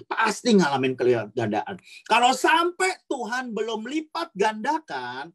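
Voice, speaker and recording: A man preaching a lively, conversational sermon, chatty and full of rhetorical questions. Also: very high voice.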